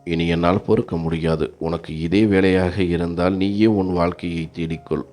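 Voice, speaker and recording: A man's voice: low voice, fairly even intonation, normal speed, a little mellow, soft background music, natural voice. A man reading the lines of a stern, angry father in a storybook tale, scolding his son. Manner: scolding, harsh.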